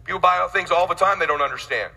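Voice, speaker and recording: A man's voice: sits high, fast, vocal fry, sharp tone, big-room sound, low-quality recording. A man in his late forties giving a blunt, intense motivational speech on sales, swearing freely as he preaches. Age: 40s.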